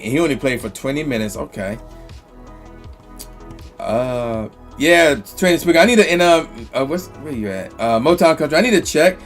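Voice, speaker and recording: A man hosting a casual livestream chat, reading viewer comments aloud and losing his voice a bit. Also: mid-range voice. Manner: reads viewer comments aloud, loose and chatty. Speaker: livestream host.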